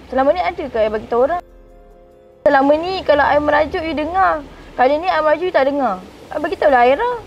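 A woman's voice: high-pitched, fast, muffled recording, faint music behind. A young woman with a Malaysian accent, pleading and sulking through a staged couple argument. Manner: pleading and sulky. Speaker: vlogger in a staged couple quarrel.

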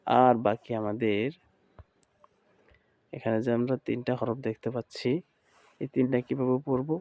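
A man with a Bangladeshi Bengali accent teaching Quran recitation in a slow recorded lesson, chanting letter sounds in rhythm and repeating drills. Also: medium pitch, steady tone, vocal fry, dry recording, lo-fi sound.

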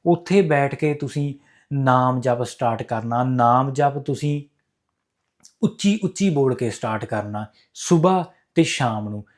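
A man's voice: mid-range voice, animated, unhurried. A man with a Punjabi accent giving earnest, preachy spiritual advice straight to his viewers, repeating key phrases as he instructs. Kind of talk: earnest instructional talk to camera.

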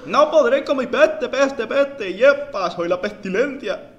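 A man voicing a whiny pestilence monster in a put-on Cuban accent, loud and theatrical. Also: very high voice, lively intonation, slow, dull audio, a little hiss or hum, voice pushed up, heavily acted. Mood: gloating.

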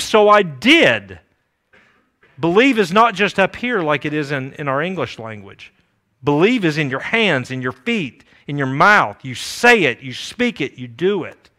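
A middle-aged male preacher delivers an emphatic sermon to a live audience, with a high-pitched, bright voice. His pitch leaps up and down as he presses his points. He keeps putting questions to the crowd.

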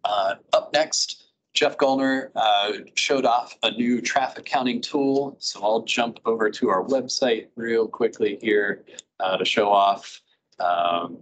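A man with a lowish voice walks a meeting through program updates, relaxed and loose, with plenty of "uh"s between phrases. A faint rumble sits under the meeting-room audio. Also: slow. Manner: relaxed, many filler "uh"s. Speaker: regional planning staff presenter. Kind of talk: meeting presentation.

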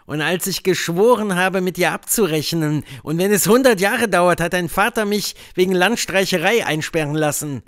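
A man reading an audiobook, voicing a bitter, vengeful grown man who accuses and threatens loudly. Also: high voice, moderate pace, hardly any pauses, dry recording, studio quality, voice pushed up. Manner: loud, accusing, seething.

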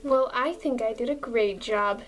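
A woman's voice: fairly high pitch, unhurried, slight background noise, close to an everyday voice. A woman voicing a pushy, smug female pet salon owner who talks in a breezy, patronizing way, calling clients honey and sweetheart, in a toy pet video role-play.

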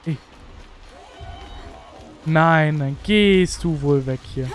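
A gamer gives casual let's play commentary, reacting excitably and complaining out loud. Their voice sits in a middle pitch, with frequent sudden exclamations. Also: extremely slow. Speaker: gaming video creator.

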